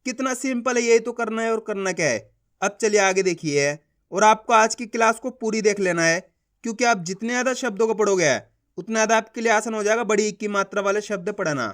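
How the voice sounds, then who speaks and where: A man teaching beginners to read, sounding out syllables slowly and asking the learner questions as he goes. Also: high voice, fairly bright tone. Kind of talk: Hindi reading lesson for beginners.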